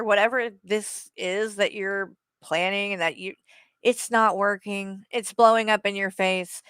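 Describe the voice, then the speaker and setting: Profane and blunt, a woman streamer talks right at the person she's criticizing in fiery live commentary. She has a smooth, mid-range voice with a fairly bright tone and no echo.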